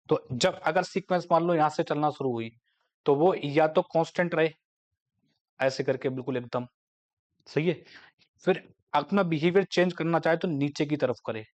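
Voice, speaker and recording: A man giving a math lecture, explaining step by step and slowing down to dictate definitions. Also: medium pitch, darkish tone. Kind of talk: classroom lecture.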